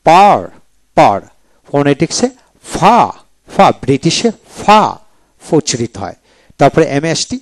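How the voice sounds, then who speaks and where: A man's voice: a little high, dry recording. A man giving a video lecture on English pronunciation, spelling out letters and repeating each word twice.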